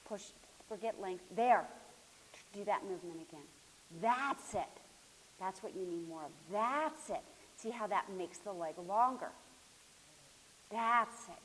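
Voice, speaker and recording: A woman leads a floor movement class, coaching her students by name with steady encouragement. At times her voice drops close to a whisper. The recording carries a faint hiss and a long echo from a large hall. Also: mid-range voice, unhurried, pauses often. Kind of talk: live class instruction. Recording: hissy recording in a reverberant hall.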